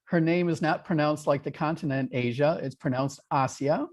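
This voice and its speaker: An American man hosting a casual online English conversation, relaxed and friendly, patiently asking questions over a video call. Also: on the high side, a little fast. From United States.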